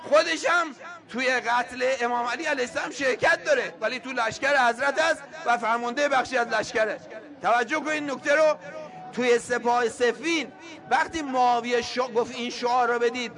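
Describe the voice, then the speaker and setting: A man preaching an impassioned political sermon, fiery and scolding, rising at times to shouts. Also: very high voice.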